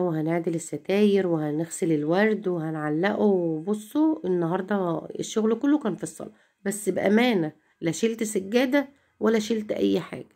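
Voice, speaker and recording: Fast-talking Egyptian woman, gravelly and low. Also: mellow. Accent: Egyptian Arabic. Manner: complaining, repeats herself, talks straight to viewers. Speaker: home vlogger. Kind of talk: chatty cleaning vlog.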